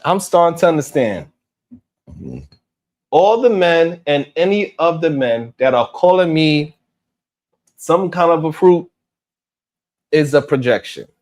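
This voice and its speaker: A man's voice: on the high side, slow, pauses often, darkish tone. A man in his forties giving exasperated, casual commentary on a live panel stream, swearing when he loses his words. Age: 40s.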